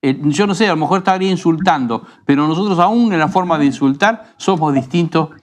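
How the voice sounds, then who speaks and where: Argentine pastor teaching in an unhurried tone. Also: male voice, a little high. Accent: Rioplatense Spanish. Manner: unhurried, teaching tone with frequent rhetorical tag questions. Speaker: pastor and radio program host. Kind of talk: conversational preaching.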